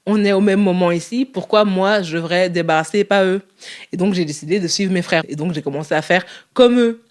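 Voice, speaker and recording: A young woman in a casual interview, talking candidly in a quick, lively way and laughing often. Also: lowish voice.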